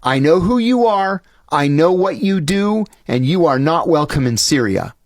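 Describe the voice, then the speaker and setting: A man's voice: a little high, lively intonation, unhurried, no echo. A man acting out a stern male consulate official who speaks in clipped warnings.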